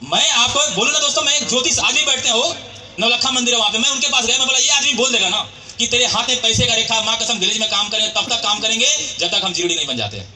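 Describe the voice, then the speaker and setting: A man's voice: extremely high pitch, fast. A man giving a storytelling motivational speech to a live audience in a hall, acting out quoted dialogue and calling out to the crowd. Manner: animated, acts out quoted dialogue, calls out to the crowd. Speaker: motivational speaker at a sales meeting.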